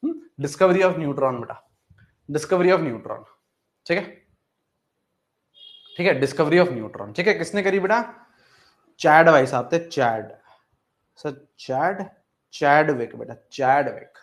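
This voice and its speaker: A man's voice: a little high, animated, takes it slowly, pauses often. A man teaching a chemistry exam-prep lecture in a repetitive, coaxing way, often calling his students "beta" and voicing their questions himself.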